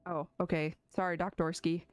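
A woman's voice: lowish voice, level tone, normal speed, lightly acted. Woman playing a chatty young pig girl. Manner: chatty, rambling.

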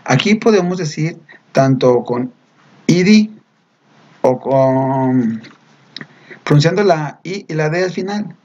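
A man teaching English verbs to Spanish speakers, repeating each word slowly and explaining patiently. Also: fairly high pitch, animated, darkish tone. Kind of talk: slow pronunciation drill with explanations. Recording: dull lo-fi recording.

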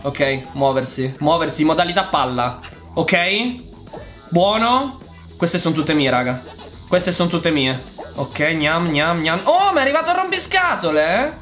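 Exasperated Italian gaming commentator, lively pitch. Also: male voice, a little slow, faint music behind. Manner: chatty, exasperated, talks to viewers as "raga". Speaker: gaming YouTuber. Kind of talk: casual gameplay commentary.

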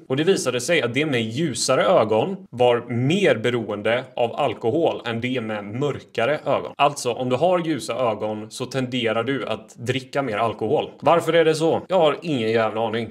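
A man talks straight to his audience in short, snappy quiz and fact clips. His voice sits in a middle pitch, and he delivers jokes and questions quickly with a deadpan edge. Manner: fast, punchy delivery with deadpan pun jokes. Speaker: TikTok creator.

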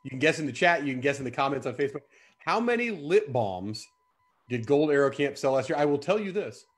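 A man's voice: medium pitch, very animated, fairly quick. A man hosting a camp live stream in a playful, chatty, joking way. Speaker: camp staff host. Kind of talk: casual live-stream chat.

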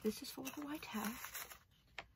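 Woman playing a whimsical, hushed Mad Hatter in noisy ASMR. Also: high voice, normal speed. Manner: soft-spoken, often dropping into whispers, playful. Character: whimsical, scatterbrained Mad Hatter, self-pleased and secretive. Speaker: ASMR roleplay performer. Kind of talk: ASMR roleplay. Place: indoors at a craft table.

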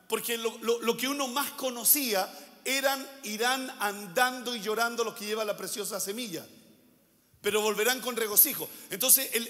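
Man, pastor, sermon, high bright voice, long reverb of a church hall. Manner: preaching with repeated phrases and rhetorical questions.

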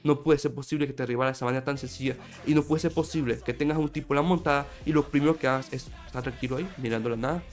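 A man's voice: medium pitch, racing, hardly any pauses, soft background music. A man commenting on a fight in an opinion video, talking emphatically to his viewers while he has a sore throat. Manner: emphatic, repetitive, addresses viewers directly. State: sore throat, slightly feverish. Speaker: MMA commentator.

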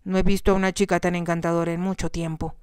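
A woman's voice: fairly low pitch, little pitch movement, fast, darkish tone, clean tone, no room sound, clean studio sound, close to an everyday voice. A woman voicing a pushy man who forces his way into a lady's room and brushes off her pleas. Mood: smug insistent. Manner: insistent, smug.

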